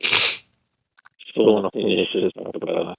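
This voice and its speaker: Creaky-voiced man chatting casually. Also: deep voice, slow pace, noisy background. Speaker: tabletop game player. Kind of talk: casual chat.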